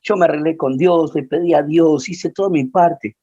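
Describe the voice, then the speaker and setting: A man's voice: fairly high pitch, normal speed, warm tone, dry recording, muffled recording, lightly acted. A man voicing a distraught young woman pleading with her pastor, in a desperate tone.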